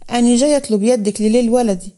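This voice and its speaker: A woman's voice: a little high, racing, dark tone, lightly acted. A woman voicing a firm, decisive older father from who arranges his son's marriage.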